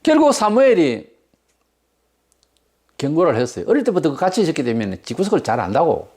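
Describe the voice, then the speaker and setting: A man's voice: a little high, sing-song, brisk, a little mellow. A man preaching a sermon as pastor, blunt and emphatic, firing off rhetorical questions.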